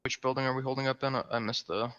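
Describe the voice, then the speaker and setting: A man of medium pitch speaks up as a team member at a tactical briefing. His voice is bright and forward, and he talks casually in clipped military terms. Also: fairly even intonation, very fast, lo-fi sound.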